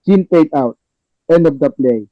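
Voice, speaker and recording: A man with a slightly high voice hosts a podcast where he narrates a play reading and chats with the cast. His phrasing is non-native, halting, and repetitive, and the lo-fi recording has no echo.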